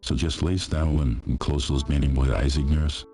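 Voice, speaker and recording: A man voicing a calm, apologetic male killer who speaks in a soft, reassuring way. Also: extremely low pitch, normal speed, faint music behind.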